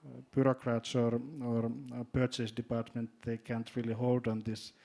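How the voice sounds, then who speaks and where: A man from Finland with a Finnish accent, speaking as a panelist in a hesitant way, often repeating words and filling pauses. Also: mid-range voice, flat delivery, warm tone. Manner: halting, repeats words, many fillers. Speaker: panelist, drone company executive. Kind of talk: panel discussion.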